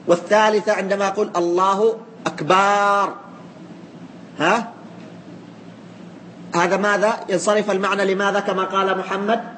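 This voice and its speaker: High-voiced man teaching a class. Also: level tone, brisk, long pauses, fairly bright tone, a little hiss or hum. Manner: explains by repeating points and quizzing students. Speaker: teacher of religious law. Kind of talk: classroom lesson with student questions.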